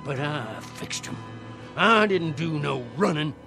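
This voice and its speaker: Over music, a male actor plays a fervent old Southern conjure man in a radio play, his voice fairly high with lively intonation, a measured pace and vocal fry. He sounds fierce and boastful, with a folksy, theatrical rustic manner of speech.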